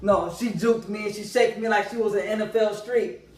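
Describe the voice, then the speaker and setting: A man's voice: high voice, fairly quick. A young man telling a comic story, acting out the voices of the people in it. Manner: animated, acts out characters' voices. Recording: echoey room, from a distance.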